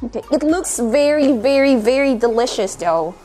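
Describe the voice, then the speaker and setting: With soft background music, a late-twenties woman vlogger talks casually into a lapel mic in her small apartment room. Her high-pitched voice is mellow with lively intonation at a moderate pace, and she's giggly and bubbly, often singing and repeating herself.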